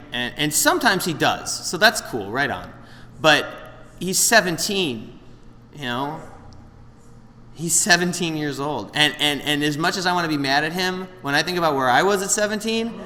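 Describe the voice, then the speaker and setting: A man's voice: a little high, pushed and bright. A man in his late thirties, speaking candidly and in a self-deprecating way at a recovery meeting, rambling with frequent restarts. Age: late 30s. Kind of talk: candid personal share. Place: meeting room with an audience. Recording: roomy hall, faint background noise.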